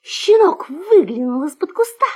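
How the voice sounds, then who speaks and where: A woman narrating a children's fairy tale for an audio storybook, slow and expressive. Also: very high-pitched, dull audio.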